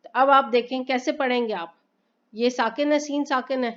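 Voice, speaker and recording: A woman teaching Arabic grammar in a slow, explanatory lesson, asking questions and answering them herself and reciting phrases carefully. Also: high-pitched, fairly even intonation, lo-fi sound. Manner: patient, repeats points and asks herself questions.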